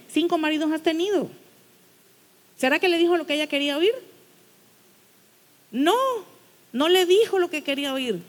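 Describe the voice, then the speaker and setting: A woman pastor with a high voice delivers a blunt, no-nonsense sermon, pressing her listeners with rhetorical questions. Her voice rings out with the long reverb of a church sanctuary.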